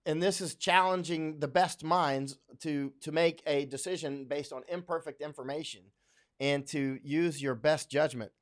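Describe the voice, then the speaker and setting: A little slow and steady in tone, a fairly high-pitched man from Central Florida hosts a relaxed livestream at home in Thailand. Reading viewer comments aloud, he rambles in reply, often using fillers and restarting.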